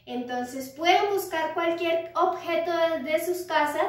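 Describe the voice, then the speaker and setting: A woman teaching music to young children, gentle and patient, often checking in with the kids. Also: very high voice, unhurried. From Colombia. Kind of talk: recorded lesson for young children. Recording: echoey room, far from mic.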